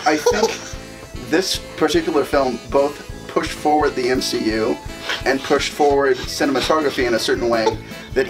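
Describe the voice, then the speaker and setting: A man giving an earnest, wordy opinion in a casual film review chat. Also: mid-range voice. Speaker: film review show co-host.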